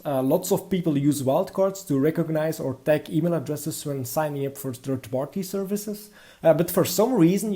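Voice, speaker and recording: A young Belgian-accented conference speaker gives a prepared talk in a warm, mellow voice pitched somewhat high for a man. He walks through his material step by step, frequently pausing on "uh."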